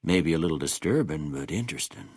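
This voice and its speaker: Doc Mitchell, raspy old frontier doctor. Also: male voice, extremely low pitch, lively intonation, a little mellow, no echo, clean studio sound, heavily acted. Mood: calm, folksy. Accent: American, rural Western drawl. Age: older. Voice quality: raspy, gravelly. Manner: folksy, unhurried, plainspoken. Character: kindly old small-town frontier doctor, folksy and wry. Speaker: voice actor. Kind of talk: video game character dialogue.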